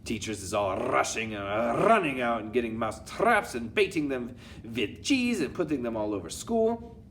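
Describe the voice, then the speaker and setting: A man's voice: mid-range voice, big pitch swings, moderate pace, a bit bright. Man acting a swooping, gloating old witch leader. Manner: chanting, gloating, broken foreign-style grammar. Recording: distant mic, faint background noise.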